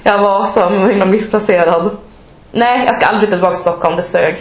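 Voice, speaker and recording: A woman's voice: medium pitch, roomy sound. A woman from northern Sweden with a northern Swedish accent, chatting casually and acting out voices in her stories. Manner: animated, mimics voices in anecdotes. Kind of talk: casual chat.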